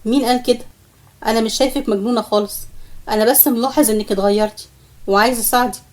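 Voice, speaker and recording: A woman with an Egyptian accent voicing a male boss who speaks calmly and pointedly. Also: a little high, rapid-fire, natural voice. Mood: needling. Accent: Egyptian Arabic. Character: male boss, calm and needling.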